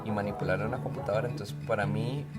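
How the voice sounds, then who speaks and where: Speaking fast in a voice on the low side, a middle-aged professor and researcher from Mexico, raised in Costa Rica, fields interview questions. His answers are relaxed and explanatory, sprinkled with fillers. Faint music plays in the background.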